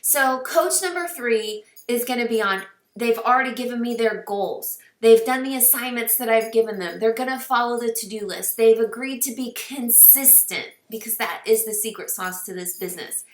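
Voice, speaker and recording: A woman's voice: fairly high pitch, moderate pace, hardly any pauses, recorded from a distance. Earnest encouraging woman in an echoey room. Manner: earnest, encouraging, many fillers, gets teary. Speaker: fitness business team coach. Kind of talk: casual recruiting talk to camera.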